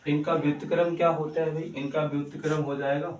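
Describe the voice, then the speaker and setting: A man's voice: on the high side, little pitch movement, fairly quick, a little mellow, dull audio, slight background noise. Echoey, distant man teaching maths. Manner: asks the class rhetorical questions and answers them himself; keeps checking in with the class. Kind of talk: classroom maths lesson. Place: classroom at a coaching centre. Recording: echoey room, voice heard from a distance.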